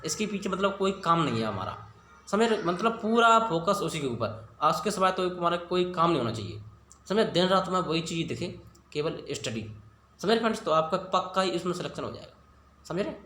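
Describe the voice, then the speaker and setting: A man's voice: high voice, big pitch swings, brisk, pushed and bright, a little hiss or hum. Chatty man teaching in an echoey room. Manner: chatty, repeats questions to the viewer, checks in often. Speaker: exam coaching teacher. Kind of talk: casual Hindi exam-prep lesson with memory tricks. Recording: echoey room with faint ambience.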